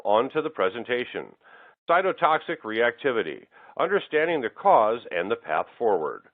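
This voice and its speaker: Lively-voiced man moderating, phone-line audio. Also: fairly low pitch, no echo. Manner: formal, reading from a script. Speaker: webinar moderator. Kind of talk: scripted webinar announcements. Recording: tinny phone-line sound, dry.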